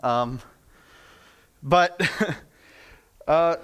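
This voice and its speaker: A man's voice: on the high side, drawn-out words, a bit bright, smooth. A young man giving a casual, storytelling sermon, chatty and self-deprecating with lots of fillers. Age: young adult.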